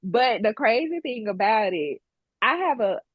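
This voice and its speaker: A woman from Mississippi with a Mississippi-Alabama Southern twang, chatting casually as an interview guest and telling lively stories. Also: fairly high pitch, a little slow, no room sound, dull audio. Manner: lively storyteller, acts out voices in anecdotes.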